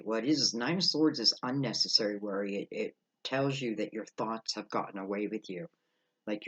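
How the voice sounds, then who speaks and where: A man giving an unscripted, mystical horoscope tarot reading, musing aloud with halting pauses and rhetorical questions. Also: on the low side, fairly bright tone, low-quality recording. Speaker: tarot card reader.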